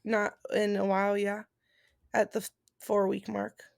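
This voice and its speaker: A woman speaks in an informal, explanatory way, like a casual vlog chat. Her voice has a noticeable gravelly fry at a middle pitch. The sound is dry, with very little room in it. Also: completely flat delivery, unhurried, dry recording. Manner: informal, explanatory, reading out points then paraphrasing. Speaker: vlogger and post-surgery patient. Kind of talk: casual chat about recovery.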